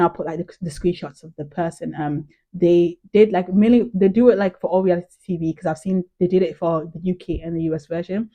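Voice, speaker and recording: A young British woman vlogs in casual chat, gushing and peppering her talk with "like" and "um". Her voice sits a little low, with a warm, mellow tone. She talks straight to camera. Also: dull audio. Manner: chatty, gushing, heavy use of "like" and "um". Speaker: vlogger.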